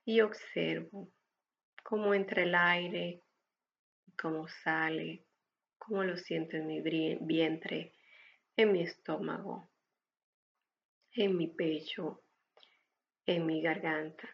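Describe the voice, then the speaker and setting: Casting: woman meditation guide, soothing and hushed, lowish creaky voice, very slow delivery. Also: fairly even intonation, dull audio. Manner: soft, hushed, unhurried instructions with pauses.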